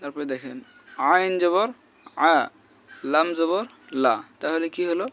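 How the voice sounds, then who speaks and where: A man teaching Arabic reading, slowly chanting letter names and vowel marks as a repeating drill. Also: fairly high pitch, fairly bright tone, muffled recording. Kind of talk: slow spelled-out recitation lesson.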